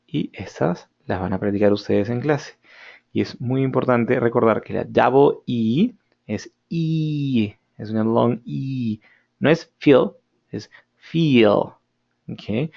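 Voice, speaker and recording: A male English teacher explaining grammar and pronunciation in a recorded lesson, switching between Spanish and English, slowing down to model words and often checking in with "ok?". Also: mid-range voice, creaky, a little mellow. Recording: dull lo-fi recording.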